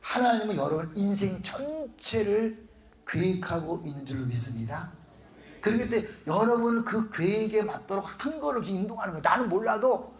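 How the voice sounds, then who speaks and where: Animated, gravelly-voiced middle-aged male pastor. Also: high voice. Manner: lively, animated preaching with acted-out prayers and rhetorical questions. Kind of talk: youth retreat sermon on prayer.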